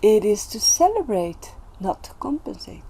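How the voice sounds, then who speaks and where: A woman vlogger talking in a casual, reflective monologue, gentle and earnest, with many pauses and restarts. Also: mid-range voice, very animated, husky. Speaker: self-development vlogger.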